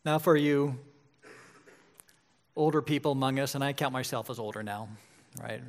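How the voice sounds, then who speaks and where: A man's voice: mid-range voice, normal speed. A man in his forties preaching a sermon in a conversational way, often checking in with "right?". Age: 40s. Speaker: pastor.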